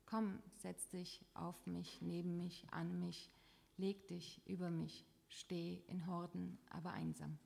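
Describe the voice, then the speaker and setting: Slow, gravelly woman reading in a hall. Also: on the low side, little pitch movement, noisy background. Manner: slow, measured, list-like recitation. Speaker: author reading her text. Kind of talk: literary reading. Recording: echoey hall.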